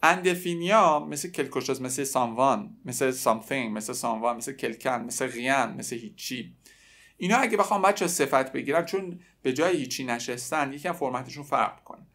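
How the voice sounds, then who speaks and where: Guy teaching french, chatty explaining, says the french bits over and over real slow. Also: mid-range voice, expressive, a bit bright. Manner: explains in Persian, then repeats French phrases slowly. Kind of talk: casual language lesson.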